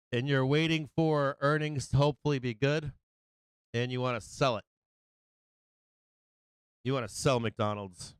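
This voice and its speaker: A man gives casual live market commentary in a very clear, resonant voice at a medium pitch. He is blunt and profane, talks in trader slang and jokes freely. The sound is close and dry. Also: dry recording. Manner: jokey, chuckles often at own remarks. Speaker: host of a live stock market show.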